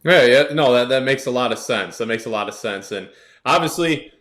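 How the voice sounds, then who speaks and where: A man's voice: medium pitch, lively intonation, fairly quick, a bit bright. A man hosting a casual sports interview, informal and given to repeating phrases for emphasis. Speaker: interview show host.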